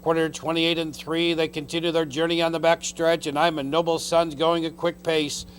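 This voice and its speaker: A man's voice: on the high side, level tone, normal speed, a little hiss or hum. A man calling a live harness race as track announcer, in clipped phrases that run through the field and positions. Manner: race-caller delivery in clipped phrases listing horses and positions. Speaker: horse race caller. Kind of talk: live harness racing commentary. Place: racetrack announcer's call.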